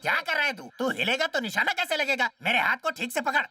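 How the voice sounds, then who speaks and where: Bungling menace, dubbed slapstick film, excitable scolding, high sharp voice, slightly off-mic. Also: male voice, quick pace, dry recording, studio quality, full character voice. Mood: bossy, irritated. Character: hot-tempered bungling threatening comic man. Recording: slightly distant mic, faint music.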